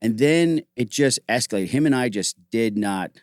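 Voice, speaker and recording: A middle-aged man hosting a casual podcast conversation, telling animated stories full of "like" and acted-out quotes. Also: mid-range voice, normal speed, no room sound, clean studio sound. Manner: animated storytelling, acts out quotes; heavy use of "like", frequent restarts. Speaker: host.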